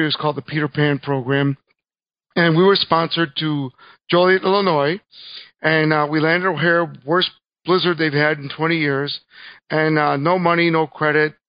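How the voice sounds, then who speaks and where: A man's voice: on the high side, no echo. Cuban-born man telling his story. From Cuba. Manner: earnest storytelling with fillers. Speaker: guest speaker. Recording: dull, dry recording.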